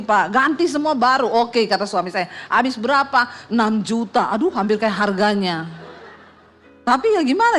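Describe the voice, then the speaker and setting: Animated woman pastor telling funny stories. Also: a little high. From Indonesia. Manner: humorous storytelling with quoted voices and sound effects. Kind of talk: sermon.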